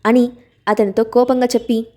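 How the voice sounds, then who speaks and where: A woman's voice: a little high, level tone, moderate pace, a little mellow. A woman with a Telugu accent narrating a novel in a scripted style, reading every character's lines herself. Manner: reads all characters' lines herself with little voice change. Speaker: storyteller.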